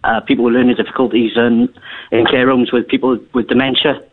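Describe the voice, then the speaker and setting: A man's voice: mid-range voice, little pitch movement, fairly quick, a little hiss or hum. A man calling in to a radio show over the phone, talking casually and rambling with plenty of hesitant fillers. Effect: heard over a phone line. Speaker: caller. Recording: tinny narrow phone line.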